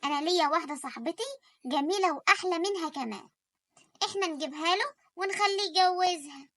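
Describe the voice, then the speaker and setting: A young woman with an Egyptian Arabic accent voicing a jealous, scheming sister in an animated story, quick and sharp-tongued. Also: very high-pitched, no room sound, studio quality.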